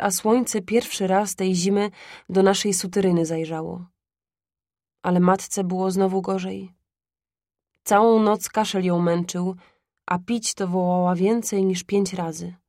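A woman narrating a classic story in a calm, even storytelling manner, close to the mic. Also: medium pitch, no room sound. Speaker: audiobook narrator. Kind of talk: scripted literary narration.

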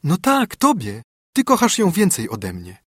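This is a sweet little girl, as a man puts her on, pitched far above his own voice and full of eager warmth. She talks quickly and tenderly, with a husky edge and a close, dry sound. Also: wildly swooping pitch, dry recording, exaggerated voice. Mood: earnest.

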